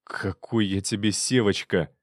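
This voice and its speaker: A man playing a hoarse irritable man, curt, low, dry storybook read. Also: fairly even intonation, unhurried, dry recording, close to an everyday voice. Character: grumpy dazed rich man.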